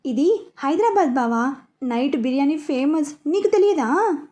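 A woman's voice: sits high, lively intonation, normal speed, warm tone. Woman voicing Vamshi, carefree teasing young man. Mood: offhand. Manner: cool, teasing, offhand.

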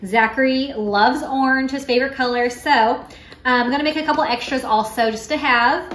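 A woman's voice: high voice, moderate pace, fairly bright tone, a little hiss or hum. A woman in her thirties, a mom vlogger chatting to camera in her home kitchen, upbeat with lots of ums and uhs. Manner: chatty, filler-heavy, upbeat. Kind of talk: casual chat to camera. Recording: echoey kitchen room.

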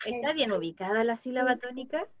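A woman teaching a young class online with a Chilean accent, saying words slowly and clearly for children. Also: fairly high pitch, animated. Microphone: video call. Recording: dull lo-fi video call audio.

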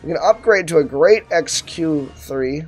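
Young man's casual, higher-pitched game commentary. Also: lively intonation, a little slow, a little mellow, husky, soft background music, poor audio. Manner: thinking aloud, muttering asides to himself. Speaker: gaming video host. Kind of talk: casual let's-play commentary.

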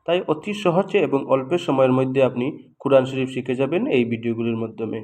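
A man's voice: mid-range voice, quick pace, darkish tone, roomy sound. A man with a Bangladeshi Bengali accent teaching Arabic letter reading, patiently repeating syllables for learners to copy.

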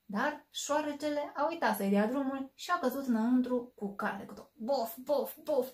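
A woman reads a children's storybook aloud with an expressive delivery, lingering on words. Her voice sits a little high for a woman.

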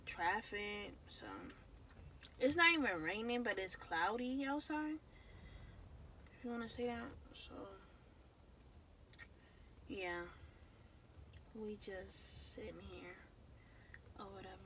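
A woman's voice: medium pitch, lively intonation, takes it slowly, long pauses, sharp tone, a little hiss or hum, low-quality recording. A young woman chatting casually to her viewers from a parked car, often trailing off with "so, yeah" and sinking into a mumble. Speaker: vlogger. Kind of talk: casual vlog chat. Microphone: phone camera held close.

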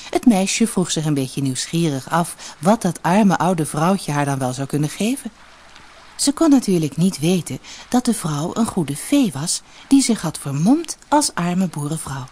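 Husky, expressive storybook narrator. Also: female voice, fairly low pitch, a little slow.

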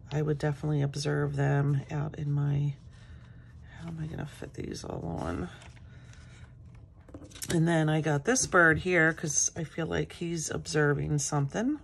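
A woman's voice: sits low, steady tone, unhurried, creaky, a little hiss or hum. A middle-aged woman in her home craft room, chatting casually and rambling as she works on a journal page, with a morning voice. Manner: chatty, rambling, talks while working. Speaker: craft channel host.

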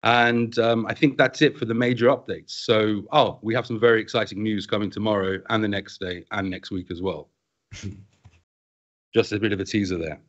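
A man in his thirties hosting an online question session over a video call, relaxed and friendly as he introduces guests and reads questions. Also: on the low side, normal speed. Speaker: host and company CEO. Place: indoor room with a virtual space background. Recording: dull lo-fi video call audio.

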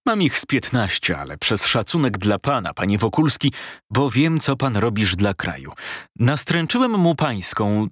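A wheedling, shabby lawyer fawns and haggles in a husky, sugary voice, as a male reader puts him on. He pushes his offers with sudden high, pleading lifts. The sound is dry and close. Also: no echo. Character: shabby fawning male lawyer, middle-aged, sly haggler.

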